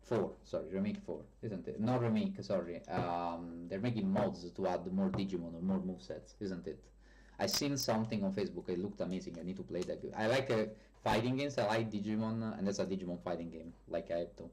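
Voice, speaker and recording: His voice sits low and a little mellow, and he speaks briskly. A native Italian speaker from Italy with a strong accent, he answers viewer questions casually as a developer on a live stream, often correcting himself.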